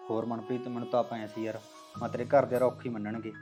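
Young actor as a fast-talking Punjabi farmer husband, fond and wistful, music under. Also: male voice, medium pitch, little pitch movement, lightly acted. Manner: fond, calls her "yaar". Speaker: newlywed husband. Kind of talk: village family drama acting. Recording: background music.

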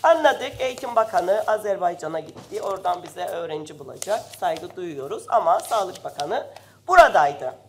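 Speaking in a lowish, animated voice at normal speed, with a little hiss or hum in the audio, a female MP addresses a parliament chamber from the rostrum microphone. Though slightly ill, she is indignant and impassioned, building to loud emphasis.

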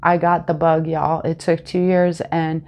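A tarot reader in her thirties chats casually to camera through a reading, using a lapel mic in a small room at home. She sounds a bit congested and sniffly, speaking with a low voice at a measured pace while animatedly talking with her hands.

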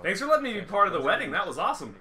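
A man's voice: high-pitched, very animated, racing, bright, forceful tone. A man streaming in a virtual reality social game, chatting casually and upbeat, often giggling. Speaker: VR chat streamer. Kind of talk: casual chat.

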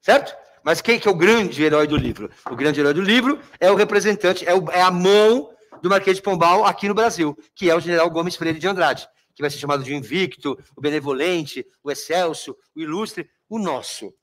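In a literature exam review, a Brazilian man with a Brazilian Portuguese accent lectures a little fast, his voice slightly high and a bit bright. He checks his students' understanding often and speaks to them fondly.

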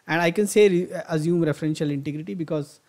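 Over a screen recording, a male software instructor walks through a tutorial step by step, thinking aloud with frequent fillers, restarts, and self-corrections. He talks fast, his slightly high voice carrying a gravelly, creaky edge.

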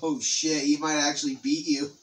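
A man's voice: on the high side, flat delivery, moderate pace. A man chatting casually over a video game, teasing and swearing as he comments. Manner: sweary, teasing, laughs often. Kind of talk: casual chat over gameplay.

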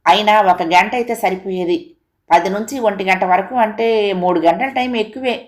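A woman's voice: medium pitch, brisk, lightly acted. A woman voicing an exasperated middle-aged husband in an audio story, asking blunt, impatient questions. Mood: teasing.

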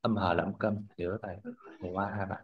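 Deep-voiced male teacher running drills. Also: little pitch movement, brisk, phone-quality sound. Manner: corrects and models words, checks with "right?". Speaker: Korean language teacher. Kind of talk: classroom pronunciation drill.

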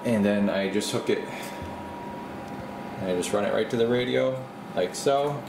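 A video host who fixes radios gives a loose, off-the-cuff look around his small indoor workshop, musing aloud and rambling while standing behind the camera. He speaks at a normal speed in a fairly low voice with vocal fry. The camera mic picks up a roomy sound and a steady hum like an air conditioner.

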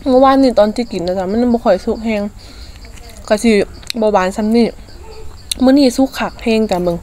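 A woman with an Isan accent chatting casually as she eats in a food vlog, using soft polite particles. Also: on the high side, a little fast, a little hiss or hum. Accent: Isan (Northeastern Thai). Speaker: food vlogger.

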